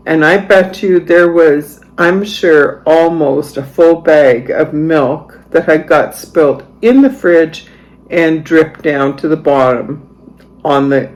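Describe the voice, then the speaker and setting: A woman's voice: low voice, a little mellow, low-quality recording. A middle-aged woman vlogger talking casually to her viewers, chatty and dryly sarcastic as she tells a story. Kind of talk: casual chatty voice-over vlog.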